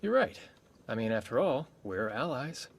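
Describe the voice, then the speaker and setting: A man's voice: mid-range voice, big pitch swings, normal speed, gravelly, breathy edge, exaggerated voice. A man playing a cocky, blunt teenage boy in an anime dub, speaking casually with a taunting edge. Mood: wry. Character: cocky, blunt teenage boy, top-ranked game player.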